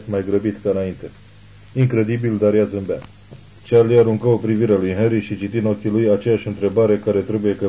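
A man narrating an audiobook novel in a steady, measured reading. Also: on the low side, slightly rough, poor audio.

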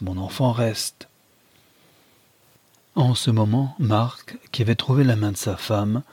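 A man reading a novel aloud as an audiobook narrator in a measured, dramatic manner. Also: fairly low pitch, darkish tone, breathy edge, dry recording. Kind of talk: scripted literary reading.

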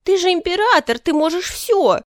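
A woman's voice: very high voice, lively intonation, moderate pace, no room sound, clean studio sound, voice pushed up. Woman voicing a whiny tired young court favorite. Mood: whining. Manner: pleading, tearful. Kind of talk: audiobook character voice.

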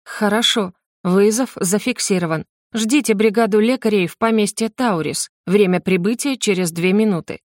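Storybook: woman doing an official, careful dispatcher voice, mid-pitched, dry read. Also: dry recording, close to an everyday voice. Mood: formal. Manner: polite, measured, official. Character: cautious formal male medical dispatcher.

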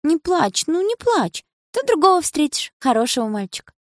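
A woman voicing a gentle little sister who comforts in a soothing, coaxing way. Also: high-pitched, big pitch swings, normal speed, no echo, clean studio sound, pitched above the performer's own voice. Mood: comforting.

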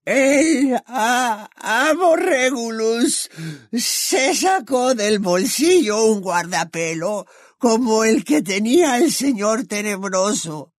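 Kreacher, a sobbing old elf servant. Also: male voice, high voice, animated, a bit bright, dry recording, studio quality, pitched above the performer's own voice, heavily acted. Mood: sobbing grief. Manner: sobbing, halting, stammering. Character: old male house-elf servant, groveling, tormented. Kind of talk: audiobook character voice.

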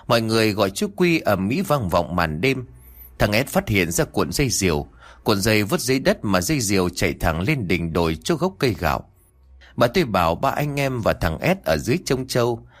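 Lower-voiced man telling a ghost story. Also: brisk. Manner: expressive, dramatic storytelling.

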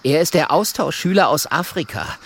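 A man's voice: fairly high pitch, expressive, moderate pace, pitched above the performer's own voice. A man voicing a friendly, clever little male fire dragon. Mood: earnest.

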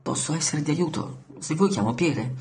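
A man's voice: on the high side, expressive, normal speed, darkish tone, natural voice. A man reading an eager young man.

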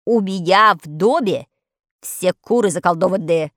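A woman voicing a chatty male village postman dressed up as a werewolf chicken, rattling on quickly. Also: fairly low pitch, fairly bright tone, dry recording, studio quality. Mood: chattering.

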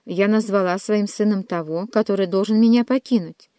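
A calculating queen mother from a storybook lays out her threats slowly and evenly, as a woman narrator reads her. The voice sits at an ordinary middle pitch. The recording is dry and close. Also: warm tone, no echo, close to an everyday voice. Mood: cold menace. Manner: measured and threatening. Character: cold, scheming older queen mother.

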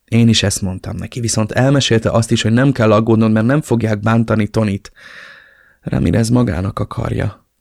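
A subdued woman relaying bad news, voiced by a man in an audiobook. She speaks quietly and hesitantly, in a low, gravelly voice. The sound is dry and close. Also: fairly even intonation, no echo.

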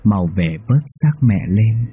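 The ghost of a dead father, voiced by a man, slow and mournful in a low, dark, husky voice. He speaks calmly and sadly with drawn-out words. Faint music plays under the storybook reading. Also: heavily acted.

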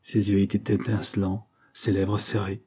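A man with a lowish, breathy-edged voice narrates a classic novel as an audiobook, keeping a measured, even storytelling manner.

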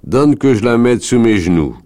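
A man voicing a gruff, uncanny wolf leader who speaks in rough rural dialect, in a read-aloud story. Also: medium pitch, sing-song, moderate pace, warm tone, pitched above the performer's own voice, lightly acted. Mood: coaxing. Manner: rough peasant dialect, raised voice.

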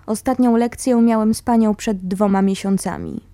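A worn-out young soldier, shy and deferential, addressing his old teacher with apologetic courtesy, as a woman narrator puts him on. The voice sits a little higher than the narration and stays mellow, with a close, dry sound. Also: fairly even intonation, moderate pace, no echo, close to an everyday voice. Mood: polite. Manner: respectful, apologetic. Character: exhausted young male insurgent, polite and shy.

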